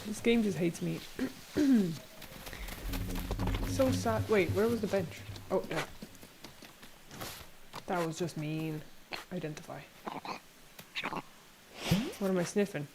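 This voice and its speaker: A young woman with an Irish accent chatting casually while playing a game, chatty and prone to excited squeals. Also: fairly low pitch, a little slow, gravelly, pauses often, noisy background. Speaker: game streamer. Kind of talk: casual gameplay commentary. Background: game music.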